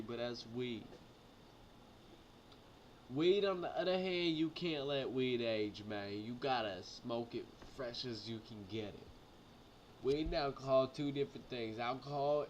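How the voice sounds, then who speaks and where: Young male vlogger, audibly drunk. Rowdy party-animal delivery, repetitive and stumbling, mid pitch, noisy amateur audio. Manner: loose, repetitive slangy talk with stumbles and swearing. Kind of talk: rambling casual storytelling to camera. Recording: noisy amateur recording with clicks.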